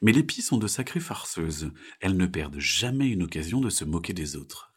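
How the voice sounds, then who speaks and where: A man narrates a children's story with gentle expression. His voice is husky and his pitch moves a lot. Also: big pitch swings, moderate pace.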